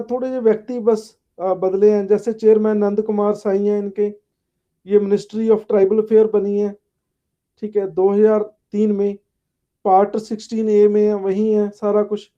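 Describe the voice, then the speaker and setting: A man's voice: sits high, mellow, highs cut off. A male teacher, giving a casual online lecture and answering student chat, often saying "okay" and "yes". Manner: casual, repeats "ठीक है" and "हाँ जी" often.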